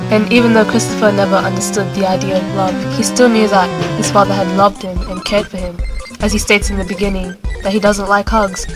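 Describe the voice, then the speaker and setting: A woman's voice: medium pitch, little pitch movement, fairly quick, music in the background. A young woman giving casual, conversational rebuttals in an informal book debate. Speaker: student debater.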